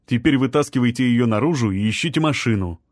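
Man doing a composed rescuer, firm orders, mid-pitched voice, dry close recording. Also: expressive, quick pace, darkish tone, no echo, close to an everyday voice. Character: calm, commanding male rescuer.

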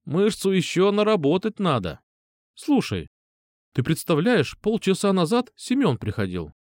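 A man's voice: high-pitched, wildly swooping pitch, a little slow, a little mellow, no echo, studio quality, pitched above the performer's own voice, full character voice. A man reading an audiobook, voicing a caring, chatty middle-aged mother in a raised voice. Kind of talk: audiobook character voice.

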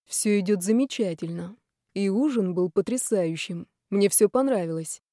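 A woman voicing a playful, teasing male boss who talks in a slow, joking manner. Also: medium pitch, dark tone, dry recording, clean studio sound, natural voice. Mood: warm.

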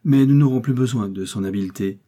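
A man's voice: mid-range voice, fast talker, warm tone, lightly acted. A man reading an audiobook, voicing a vain, self-important male poet who declaims in a lofty, grandiloquent way. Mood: haughty.

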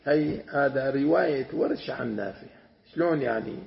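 Gravelly sheikh teaching. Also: male voice, mid-range voice. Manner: explains patiently, repeats and sounds out words slowly. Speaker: sheikh teaching Quran commentary. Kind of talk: religious lesson. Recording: dull lo-fi lecture recording.

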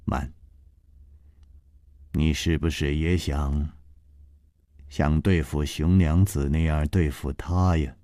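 A male storyteller voicing a stern, cold palace mistress who speaks slowly and quietly. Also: a bass voice, steady tone, no room sound, studio quality, voice pushed down, exaggerated voice.

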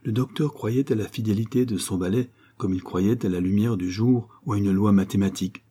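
A man reads a novel aloud at a steady, measured pace. His voice is low, dark and husky. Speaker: audiobook narrator. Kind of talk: scripted narration.

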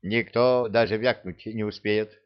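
A man's voice: on the low side, steady tone, unhurried, highs cut off, natural voice. A man voicing a cool, tough male henchman who talks in a casual, reassuring way. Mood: assured. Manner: casual, laid-back tough talk.

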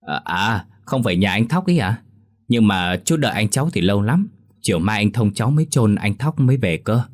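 A man's voice: fairly low pitch, animated, a little fast, no room sound, studio quality. A man voicing a polite, hesitant young village man who stumbles over his words. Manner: hesitant, polite, filler-heavy.

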